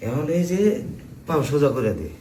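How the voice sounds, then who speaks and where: An elderly village grandfather, played by a man, speaks, rambling through folksy stories and bursting into loud scolding. His pitch swings widely, and the room around him sounds echoey. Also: expressive, normal speed, slight background noise, natural voice. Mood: reminiscing. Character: elderly village grandfather, later a blustering husband. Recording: roomy indoor recording.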